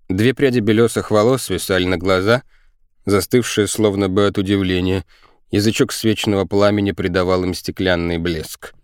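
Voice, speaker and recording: A man narrating an audiobook in an expressive, vivid reading. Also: low voice, no room sound, studio quality.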